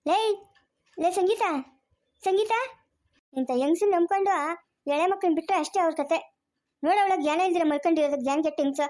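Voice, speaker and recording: A woman playing a sharp-tongued grandmother who scolds her daughter-in-law, speaking rural Chikkaballapur Kannada. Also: extremely high pitch. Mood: scolding. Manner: scolding, rapid and raised. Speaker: grandmother character. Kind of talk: family drama acting.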